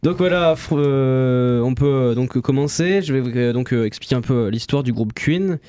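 A young man presenting a music history segment on the radio, halting and full of fillers. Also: mid-range voice, dark tone, dry recording, clean studio sound. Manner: halting, many fillers and restarts. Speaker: radio columnist. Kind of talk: reading a history segment on air.

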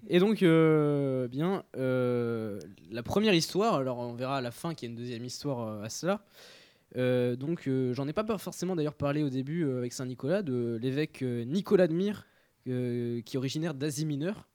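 A young man reads through his radio chronicle in a casual, halting way, peppering it with fillers and restarts. His voice sits at a middle pitch, and it is recorded close and dry with no room sound. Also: expressive, darkish tone, smooth, dry recording. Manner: hesitant, many fillers. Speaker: radio show columnist.

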